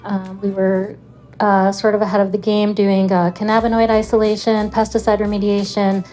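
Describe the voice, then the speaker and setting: A woman introduces herself as a panelist before a live audience. Her delivery stays flat and level, with plenty of ums and uhs, and soft music runs underneath. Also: mid-range voice, moderate pace. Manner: steady, with frequent um and uh fillers.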